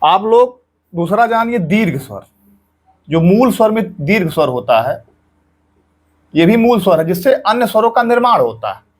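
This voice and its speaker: A man with a fairly high voice teaches an exam-prep grammar lesson. He speaks patiently, voicing each sound himself and going over it again for his students. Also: big pitch swings, moderate pace, long pauses. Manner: patient, repeats sounds aloud and drills students.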